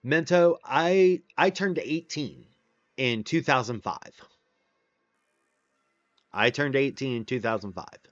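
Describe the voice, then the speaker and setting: A man in his late thirties hosts a casual stream, rambling to viewers with many fillers and restarts. His mid-range voice moves slowly with long pauses, and the dry, muffled recording has soft music in the background.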